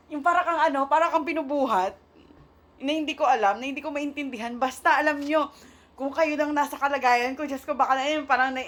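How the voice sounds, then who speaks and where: A woman giving an emotional faith testimony to her viewers, halting and searching for words as she talks, shaky and near tears at times. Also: high-pitched, fairly bright tone. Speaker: vlogger sharing a faith testimony.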